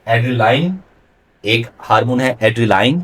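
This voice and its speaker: A man's voice: mid-range voice, a bit bright, husky. A male religious scholar giving a classroom lecture, putting questions to his listeners and mixing English terms into his explanations. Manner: quizzes the audience with questions and mixes in English terms.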